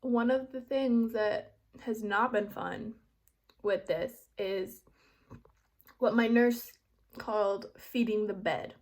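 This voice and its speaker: A woman's voice: medium pitch, slow pace, long pauses. A young woman chatting casually to camera in an upbeat way, filling her talk with "like" and "um". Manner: chatty, upbeat, many "like" and "um" fillers. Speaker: vlogger. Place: at home and later outdoors and in a car.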